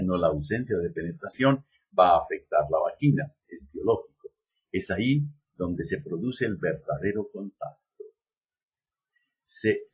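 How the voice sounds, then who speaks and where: Husky man reading a lecture. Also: low-pitched, lo-fi sound. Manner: reads steadily, then drops in slow joking asides. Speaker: lecturer on biodecoding. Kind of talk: reading a text aloud with spoken asides.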